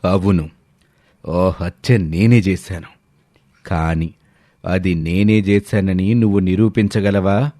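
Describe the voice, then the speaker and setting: A man's voice: low voice, fairly even intonation, slow, pauses often, warm tone, no room sound. A man voicing a ruthless, greedy middle-aged villain uncle in a storybook drama, speaking coldly and threateningly. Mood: menacing. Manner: cold, threatening. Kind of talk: storybook voice acting.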